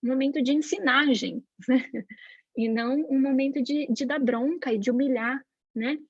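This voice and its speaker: A woman's voice: high voice, fairly even intonation, normal speed, slightly rough, no echo, lo-fi sound. A woman with a Brazilian Portuguese accent, an educator giving an informal talk about raising children, who chats freely and acts out the voices she quotes. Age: adult parent. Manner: chatty, acts out quoted voices, frequent "né?" tags. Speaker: Montessori educator.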